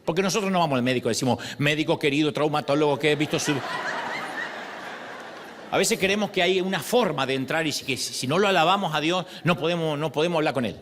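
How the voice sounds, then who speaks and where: Middle-aged male pastor, fairly high voice, lively sermon delivery. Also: fast, few pauses, noisy background. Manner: expressive, acts out quoted prayers and voices.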